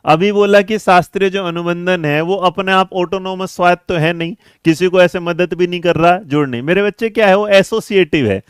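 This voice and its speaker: A man's voice: high voice, clear, resonant tone, no echo, studio quality. A man teaching a live online exam-prep class, quizzing students, coaxing them along and answering their chat messages. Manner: brisk, coaxing, calls students 'beta' and 'mere bachche'; reads and answers chat messages mid-lesson.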